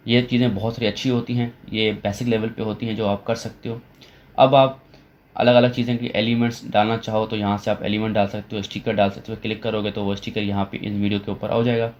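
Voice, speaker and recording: A man talking through a software tutorial step by step, with frequent fillers and restarts as he goes. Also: fairly low pitch, dull audio. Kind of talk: screen-recorded software tutorial.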